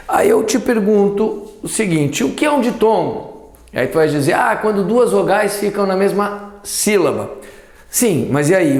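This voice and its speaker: Male teacher, kinda high voice, lively, asks himself questions, echoey room. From southern Brazil. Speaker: Portuguese teacher. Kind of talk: classroom lesson.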